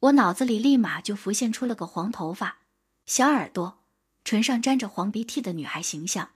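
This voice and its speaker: A woman narrating an audiobook in a steady, measured storytelling manner. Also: mid-range voice, slightly rough.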